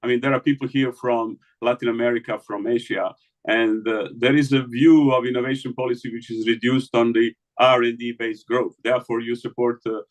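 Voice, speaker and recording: Male scholar from the Balkans, mid-pitched, hesitant and thinking aloud in an interview. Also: fairly even intonation, brisk. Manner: hesitant, many fillers and restarts. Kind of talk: academic conversation.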